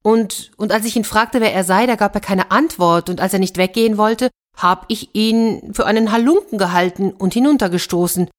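A woman's voice: mid-range voice, normal speed, hardly any pauses, voice pushed up, lightly acted. A woman voicing a simple-minded, fearless young village lad in a children's fairy-tale reading. He sounds earnest and unbothered.

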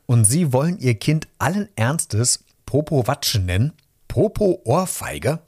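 A man's voice: mid-range voice, sing-song, takes it slowly, darkish tone, husky, no room sound, studio quality, pitched above the performer's own voice, heavily acted. A man voicing an exasperated, incredulous woman registry office clerk. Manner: incredulous, sighing.

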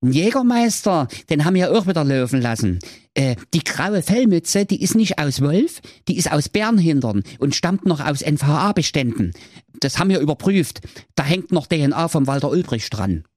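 A man's voice: very animated, darkish tone, no room sound, clean studio sound. A man voicing a chatty, pompous knight reporting findings to the police in a comic fairy tale. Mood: rambling. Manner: quick, high, rambling report.

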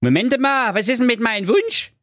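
A man's voice: extremely high pitch, animated, moderate pace, fairly bright tone, no room sound, studio quality, voice pushed up. A man voicing a cheeky, pushy male frog in a raised, wheedling voice, for a comic fairy-tale parody.

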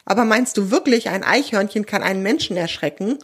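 A woman voicing a cheeky, eager young male squirrel in a children's audio story, talking quickly and excitedly. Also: mid-range voice, husky.

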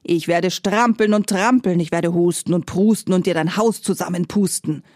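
A woman voicing a big menacing wolf in a storybook reading, drawing out his threats slowly. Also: lowish voice, darkish tone, no echo, studio quality, natural voice. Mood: threatening. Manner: slow, drawn-out threats. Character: big menacing male wolf, slow and heavy.

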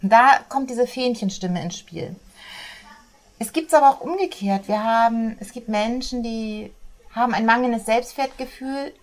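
A woman guest in an interview, an author and speaker, explaining her models in a lively way and slipping into little acted quotes. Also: fairly high pitch, a little slow.

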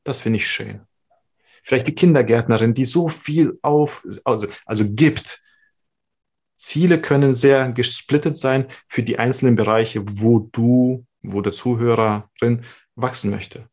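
A man talking as a podcast guest, animated and quick in bursts, in casual conversation. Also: medium pitch.

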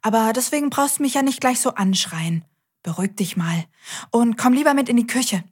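A woman's voice: on the high side, expressive, a little fast, darkish tone, breathy edge. A woman hosting a scripted children's audio show, cheerfully talking straight to the kids.

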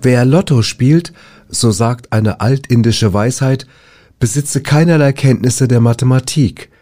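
A man putting on a mock-wise swami who delivers slow, solemn sayings in a comedy segment. His voice is low and warm. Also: lightly acted. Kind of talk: comedy sketch acting.

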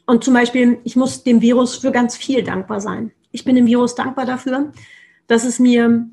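A middle-aged woman, a keynote speaker and trainer, giving a webinar talk with emphatic, repeated statements that swing between loud and quiet. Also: fairly high pitch, steady tone, normal speed, gravelly. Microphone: webinar microphone.

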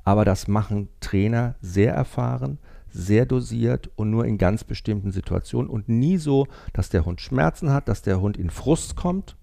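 A man with a gravelly, dark voice hosts a casual podcast chat. He talks in a lively way and laughs now and then as he explains. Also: on the low side, moderate pace. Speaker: podcast host.

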